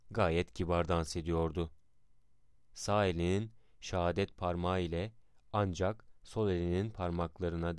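Low, smooth male narrator for a dramatic historical reading, measured delivery, dry booth sound. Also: darkish tone, no echo.

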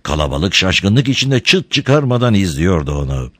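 Deep-voiced man reading a story expressively. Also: very animated, moderate pace, fairly bright tone, no echo, clean studio sound. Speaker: narrator.

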